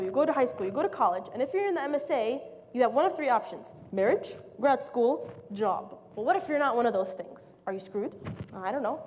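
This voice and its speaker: A young woman giving a casual, lively, joking motivational talk to an audience. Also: fairly high pitch. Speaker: speaker. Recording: echoey hall, faint noise.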